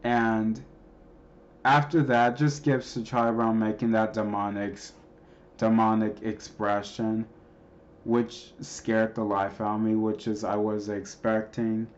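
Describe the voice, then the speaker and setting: A man casually explaining a creepy cartoon clip, rambling with many pauses and restarts. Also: fairly low pitch, flat delivery, lo-fi sound. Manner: hesitant, many ums and restarts. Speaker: video narrator explaining a clip.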